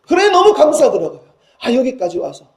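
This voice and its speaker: A man preaches a sermon in a high, fervent voice that drops to hushed pleading and rises to loud cries. The recording carries the roomy echo of a church sanctuary. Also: wildly swooping pitch, brisk. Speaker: senior pastor. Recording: roomy church hall sound.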